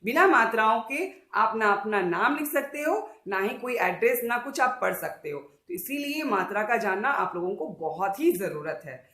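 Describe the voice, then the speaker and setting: A woman teaching children, sounding out words slowly and syllable by syllable. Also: on the high side, lively intonation, a bit bright, roomy sound, poor audio. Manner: drawn-out, syllable-by-syllable word demonstrations. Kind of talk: Hindi lesson for children.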